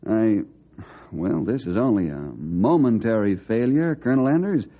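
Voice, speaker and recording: An actor playing an earnest, steady forest ranger hero in an old-time radio adventure, speaking respectfully and clearly. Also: male voice, lowish voice, normal speed. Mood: ashamed, earnest. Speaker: lead ranger. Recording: muffled, noisy old radio recording.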